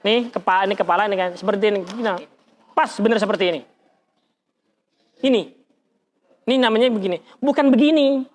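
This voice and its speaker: A man's voice: brisk, pauses often. A man teaching an Islamic study lesson. He demonstrates as he talks, asks his listeners questions and often exclaims. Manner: animated, colloquial, demonstrating with gestures, asks the audience questions; frequent pitch jumps and exclamations. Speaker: religious teacher.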